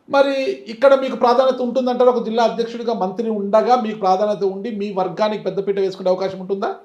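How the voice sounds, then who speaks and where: Fast-talking high-voiced male interviewer. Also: darkish tone, echoey room. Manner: rapid, pressing questions with rising emphasis. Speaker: interviewer, political journalist. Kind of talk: probing political interview.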